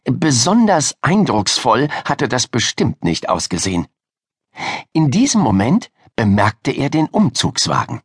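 A man narrating a children's audiobook with expressive, lively storytelling. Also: mid-range voice, measured pace, slightly rough, no room sound, studio quality.

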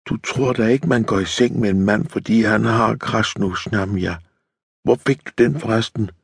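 A stubborn young woman tank sergeant snaps back in curt, defiant retorts, as a male narrator puts her on. Her voice sits raised above his own deep register, with a husky edge. The sound is close and dry, with no room around it. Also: no room sound.

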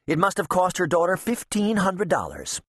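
A man's voice: high-pitched, huge pitch swings, moderate pace, fairly bright tone, no room sound, pitched above the performer's own voice, exaggerated voice. A man reading an audiobook, voicing a gossiping middle-aged golf mom with dry, snide remarks.

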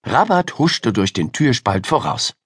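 A man narrating a children's audiobook in an expressive storytelling way. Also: mid-range voice, a little slow, breathy edge, dry recording, studio quality.

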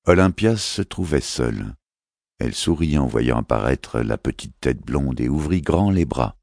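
Man, audiobook narrator, very deep voice, gravelly texture, measured reading, dry close studio sound. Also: lively intonation, a little mellow, dry recording. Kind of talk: scripted narration.

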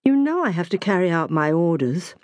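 Audiobook: polite, eager young British officer, read by a woman, courteous and formal, low pitch, dry studio. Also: very animated, a little fast, darkish tone, no room sound.

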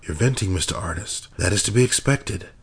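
A composed female federal agent speaking down to a panicked man, voiced by a male audiobook reader. She is calm and measured. The voice sits near the reader's own low, husky register. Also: full character voice. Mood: condescending. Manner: calm, condescending.

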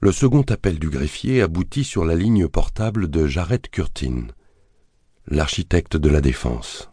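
A man narrating a thriller audiobook in a measured, dramatic reading that colors the quoted lines. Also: a bass voice, lively intonation, warm tone, slightly rough, no room sound, studio quality. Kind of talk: scripted narration of a thriller novel.

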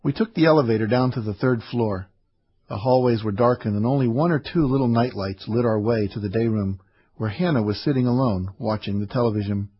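A man's voice: medium pitch, a little fast, slightly rough. A man narrating a first-person story in an earnest storytelling manner, on a slightly muffled audiobook recording.

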